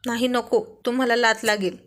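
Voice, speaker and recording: A woman's voice: fairly high pitch, little pitch movement, moderate pace, fairly bright tone, lightly acted. A woman voicing a young wife who scolds her husband with exasperated affection in a read-aloud story. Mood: playful.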